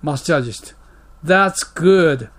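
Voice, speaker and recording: A man's voice: a little high, animated, fairly bright tone. A man teaching English, reading out short dialogue lines and explaining them with fillers. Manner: reads English lines slowly, then explains quickly with fillers.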